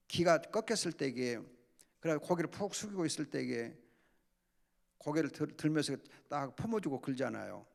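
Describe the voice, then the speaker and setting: A man preaching at a Bible study as pastor, lively, acting out quoted complaints and prayers. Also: on the high side, creaky.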